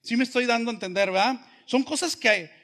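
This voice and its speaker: A man's voice: very high voice, fairly quick, a bit bright. A man preaching a sermon in a conversational way, asking many rhetorical questions and addressing the congregation as brothers. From Mexico. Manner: often addresses listeners as brothers.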